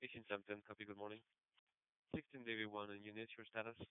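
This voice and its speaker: A man working as a police dispatcher, heard over a police radio transmission, reading calls in clipped, even procedural codes. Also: fairly low pitch, fast talker, noisy background. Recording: narrow-band, dry police radio.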